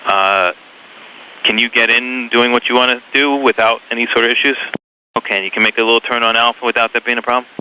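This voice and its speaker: An air traffic ground controller, a man giving clipped, hurried and apologetic instructions to pilots, heard over aviation radio with static bursts. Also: mid-range voice, steady tone, pushed and bright. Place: airport control tower. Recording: muffled radio transmission with faint hiss.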